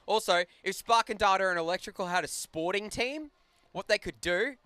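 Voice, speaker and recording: A man's voice: sits high, normal speed, bright, forceful tone, smooth, no echo. A man doing joking play-by-play commentary on a live hockey stream, bantering and laughing with his co-host. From Australia. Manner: chatty, banters and laughs often.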